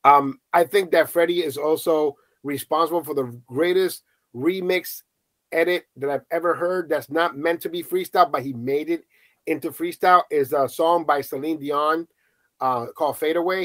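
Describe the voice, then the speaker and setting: A middle-aged man from the United States, a podcast host telling a story casually on a panel and acting out the quoted voices with lively swings. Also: no echo. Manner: animated storyteller, acts out quotes with high excited voices.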